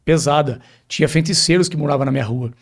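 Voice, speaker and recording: A man's voice: on the high side, fast, breathy edge. A man with a Brazilian Portuguese accent, a pastor telling his personal testimony as a podcast guest, acting out the dialogue as he tells it. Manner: vivid storytelling, acting out quoted dialogue.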